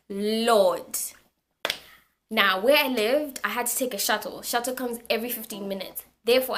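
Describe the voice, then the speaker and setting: A young woman from Zambia, telling a story to her vlog audience in a casual, animated way and repeating words for emphasis. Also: medium pitch. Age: young adult. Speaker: university student vlogger.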